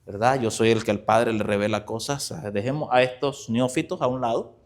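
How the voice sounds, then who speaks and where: A man's voice: mid-range voice, fairly even intonation, moderate pace, voice pushed down, natural voice. A man voicing a boastful, self-important apostle who craves rank, in a smug, confiding way. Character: boastful, vain male apostle craving rank.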